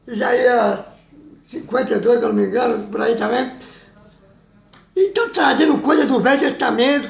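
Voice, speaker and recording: An evangelical preacher delivers an informal sermon loudly and emphatically in a very high, gravelly voice, saying he always talks loud. He laughs often between phrases and frequently says "meu irmão," and the sound is roomy and echoing.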